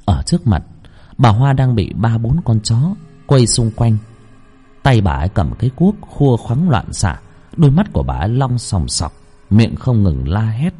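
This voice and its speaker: A man's voice: on the low side, very animated, moderate pace, dark tone, slightly rough, faint music behind. A man narrating a first-person horror story in a tense, suspenseful telling.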